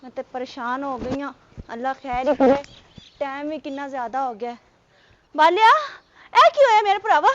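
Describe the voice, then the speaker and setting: A woman's voice: high voice, level tone, brisk, natural voice. A woman playing a distraught young sister who wails and pleads. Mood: worried. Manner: wailing, pleading. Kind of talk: comedy sketch acting. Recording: dull lo-fi recording with faint noise.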